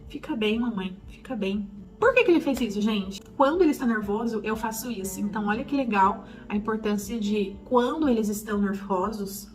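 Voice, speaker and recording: A woman's voice: on the high side, animated, brisk, few pauses, faint music behind, low-quality recording. A woman talking casually and from the heart to her viewers. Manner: heartfelt, confiding, calls the viewers "gente". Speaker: parenting vlogger. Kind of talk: casual chat to the camera.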